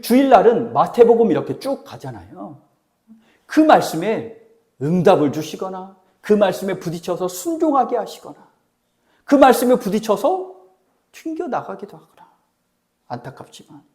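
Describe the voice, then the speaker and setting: A male pastor preaching a sermon, asking his congregation questions and dropping from loud exhortation to near-whispers. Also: high-pitched.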